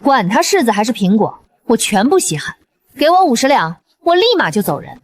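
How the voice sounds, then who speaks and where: Woman doing a cocky young swordswoman, high and bouncy, says whatever. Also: sing-song, a little fast. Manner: brash, flippant. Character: cheeky young woman bounty hunter, bold and blunt.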